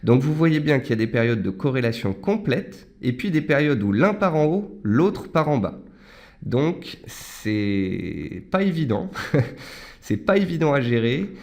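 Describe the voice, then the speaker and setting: A man with a medium-pitched, darkish voice and big swings in pitch hosts a live morning market briefing as an analyst. He speaks unhurriedly, explains things step by step, addresses listeners directly, and takes audience questions.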